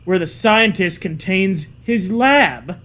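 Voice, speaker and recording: A man's voice: sits high, expressive, slow, a bit bright. A man reading a silly story aloud with sarcastic, wry asides. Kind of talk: comedic story reading with banter.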